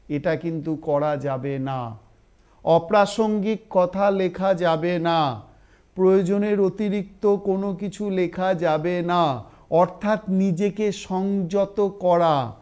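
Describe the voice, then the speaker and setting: A male teacher giving an online exam-prep lesson, speaking slowly and deliberately as he dictates a passage and calls out its punctuation. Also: high-pitched, darkish tone, clean tone.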